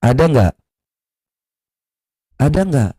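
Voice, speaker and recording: A man's voice: mid-range voice, expressive, takes it slowly, mellow, husky. A man from in eastern Indonesia, delivering a confrontational online rant full of taunts, rhetorical questions and mocking laughter. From Kupang, East Nusa Tenggara, Indonesia. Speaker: online religious commentator. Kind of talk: confrontational social media rant.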